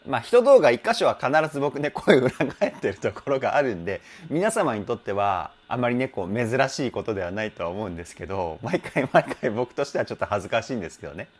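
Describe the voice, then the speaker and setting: A man's voice: medium pitch, very animated, fast talker, few pauses, husky. A man working as a vocal trainer, talking casually as he analyses a singer's technique, laughing often and humming bits of the melody. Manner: chatty, self-deprecating, laughs often, hums and imitates sung phrases.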